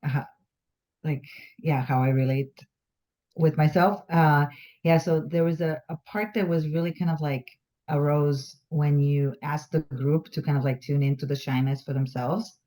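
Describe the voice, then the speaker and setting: Hesitant low-voiced woman. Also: fairly even intonation, normal speed, mellow. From Bulgaria. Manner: hesitant, many fillers, self-reflective. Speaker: workshop participant. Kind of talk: casual sharing in a group session.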